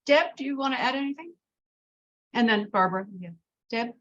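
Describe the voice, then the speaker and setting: A woman's voice: on the high side, expressive, a little fast, muffled recording. A middle-aged woman leading an art workshop discussion, encouraging, often restarting her sentences. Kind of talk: casual group discussion.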